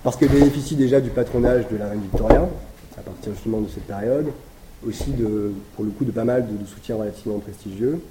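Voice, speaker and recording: A man giving an academic talk, explaining step by step and pausing often to find his words. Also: lowish voice. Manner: explanatory, thinks aloud with frequent pauses. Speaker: lecturer presenting historical research. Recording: echoey room with background noise.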